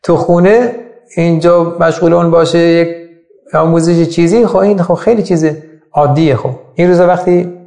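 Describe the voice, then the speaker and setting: Gravelly man giving a religious lecture. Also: on the high side, steady tone, dark tone. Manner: rhetorical questions to listeners. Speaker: religious teacher. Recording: echoey room.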